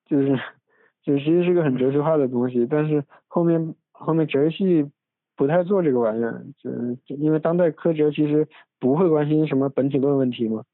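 A man's voice: a little high, brisk, no echo. A male podcast host in casual academic chat, rambling with restarts and asides, recorded on a phone in a room at home. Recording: tinny, dry phone recording.

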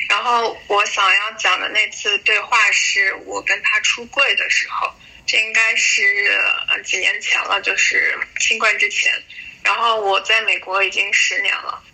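A woman in her thirties from China slowly telling a personal story over a voice call, pausing and restarting as she recalls it. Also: medium pitch, bright, forceful tone, breathy edge, poor audio. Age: 30s. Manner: slow, reflective, hesitant retelling. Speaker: guest sharing a story. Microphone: voice call recording.

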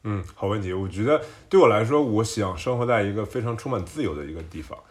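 A man from China, a podcast guest, telling stories in a lively casual chat, laughing often and dropping in English words. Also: fairly low pitch, fast.

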